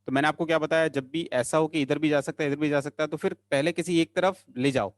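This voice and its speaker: A man's voice: a little high, steady tone, quick pace, no room sound, studio quality. A man teaching chemistry in an online class, coaxing students along and repeating short phrases in a sing-song way.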